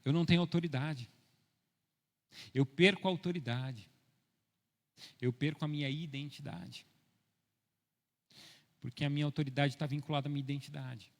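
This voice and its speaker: A middle-aged Brazilian man preaching a sermon, telling stories with an ironic humor and moving from soft asides to loud, forceful preaching. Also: fairly high pitch, fairly even intonation, normal speed, long pauses. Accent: Brazilian Portuguese. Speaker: pastor. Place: church hall. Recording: long church hall reverb.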